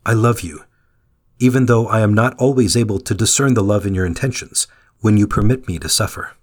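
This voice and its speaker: A man giving a calm, measured scripted reading of a daily devotional meditation. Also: fairly low pitch. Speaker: meditation reader.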